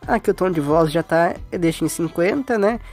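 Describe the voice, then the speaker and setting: A woman's voice: on the low side, animated, fairly quick, a little mellow. A Brazilian woman talks through a phone tutorial step by step in a casual, informal way. She often checks in with short tag questions, and faint music plays behind her. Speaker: tutorial host.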